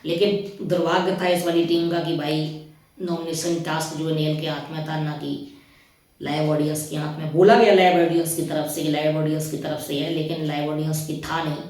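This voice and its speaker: A man's voice: on the high side, level tone, a little fast, darkish tone. A man giving casual, opinionated spoken commentary on a reality show, chatting straight at his listeners. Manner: chatty, opinionated, keeps addressing listeners as brother. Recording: very echoey room, far from the mic.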